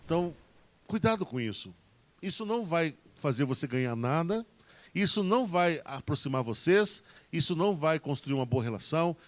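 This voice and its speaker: A man's voice: fairly high pitch, fairly bright tone. Folksy preacher man. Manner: folksy and direct, addressing the congregation; acts out everyday examples in quoted voices. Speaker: preacher giving marriage advice. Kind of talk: sermon.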